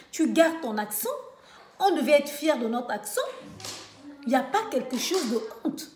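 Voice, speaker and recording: A woman with a Congolese French accent from Brazzaville speaks with a high voice. She scolds her listeners and fires off rhetorical questions. The room around her echoes. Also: a little mellow. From Republic of the Congo. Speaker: vlogger. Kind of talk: impassioned direct-to-camera monologue.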